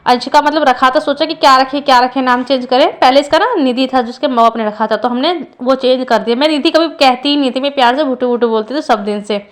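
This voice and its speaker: A woman's voice: high-pitched, fast talker, hardly any pauses. A young woman vlogger talking casually and earnestly about her family, rambling with frequent restarts. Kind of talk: casual personal vlog.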